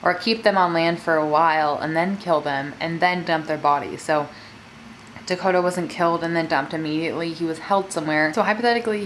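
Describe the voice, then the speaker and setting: Casual low-voiced woman, noisy background. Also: a bit bright. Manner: conversational, filler-heavy with frequent "like". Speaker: mukbang host. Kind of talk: casual true-crime storytelling while eating.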